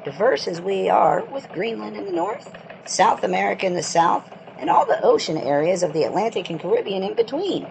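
A woman's voice: mid-range voice, vocal fry, noisy background. A woman playing an eager elf field reporter. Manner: brisk, excited reporting. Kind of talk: mock radio news report.

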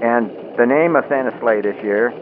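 A man's voice: mid-range voice, normal speed. Man playing a tinny-sounding Christmas elf field reporter. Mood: announcing. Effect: radio link filter. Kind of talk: mock live radio news report. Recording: tinny phone-like radio link, very noisy.

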